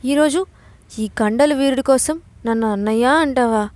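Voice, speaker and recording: A woman's voice: high-pitched, moderate pace, a little mellow, no echo, close to an everyday voice. A woman voicing a drunken man who slurs his words and talks in a whiny, mock-affectionate way. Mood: drunkenly sappy. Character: drunken man, slurring and sappy.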